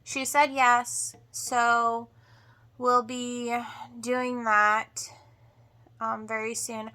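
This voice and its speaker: A woman giving a casual homestead update to viewers in a halting way, sounding drained and emotional after surgery. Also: on the high side, flat delivery, pushed and bright, clean tone. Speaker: homestead vlogger.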